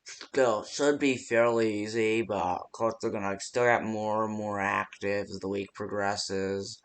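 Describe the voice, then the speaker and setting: A man records casual, improvised phone-call lines as the guide in a fan-made horror game, hesitant and rambling with plenty of ums. His voice sits on the low side, steady in tone, at a measured pace, and the delivery is unpolished.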